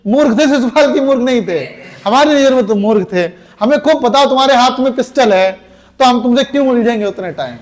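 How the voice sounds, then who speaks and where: Male teacher with a high voice and a slightly hoarse throat, lively classroom delivery, quizzes students. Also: fairly quick. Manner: lively, recites verse dramatically, asks class questions. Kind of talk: classroom lecture.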